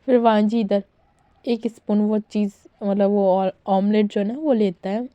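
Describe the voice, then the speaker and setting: A woman's voice: mid-range voice, steady tone, measured pace, warm tone, clear, resonant tone, no echo, dull audio. A woman retelling a fan-fiction story in a chatty, casual way with many fillers.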